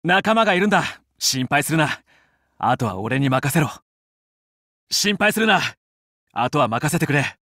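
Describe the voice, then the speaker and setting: A man's voice: a little high, very animated, moderate pace, long pauses, bright, forceful tone, no echo, studio quality, exaggerated voice. A man playing a determined young fox squad leader in a Japanese video game, commanding and earnest in his battle callouts. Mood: urgent, commanding, then calm, reassuring.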